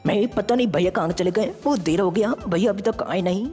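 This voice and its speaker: A woman's voice: mid-range voice, brisk, warm tone, close to an everyday voice. A woman voicing an earnest young male hero in a fan-made game story, talking to himself as he goes. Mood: eager. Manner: eager, earnest, talks to himself while acting. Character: brave young male hero who turns into aliens. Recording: reverberant with faint music.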